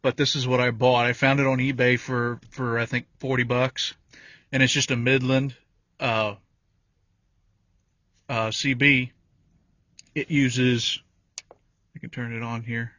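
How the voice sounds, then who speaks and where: Speaking a little slowly with long pauses, a DIY vehicle video maker uses a level, medium-pitched, slightly bright voice to walk viewers through a pickup truck cab and its surroundings. His explanations are casual, folksy and a bit rambling. A handheld phone or camera captures dull, lo-fi audio with roomy echo.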